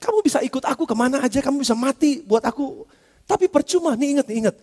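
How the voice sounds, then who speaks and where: Man acting out a loving teacher in sermon role-play, high voice, long reverb. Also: lively intonation, fast talker. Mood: gentle. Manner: pleading, earnest, alternating soft and loud. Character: Jesus, gentle loving male teacher addressing his disciples.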